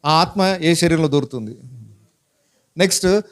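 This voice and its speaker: A pastor preaching a Bible-teaching sermon in a conversational way, asking many rhetorical questions and mixing in English words. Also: male voice, fairly high pitch, moderate pace. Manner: mixes English words into his speech.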